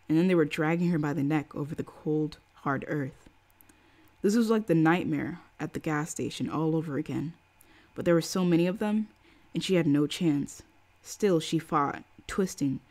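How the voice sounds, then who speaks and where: A woman's voice: low voice, darkish tone. A woman reading a novel aloud on a live stream, voicing the quoted lines with feeling and stopping now and then to greet her chat. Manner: reads with acted quotes, pausing for chat.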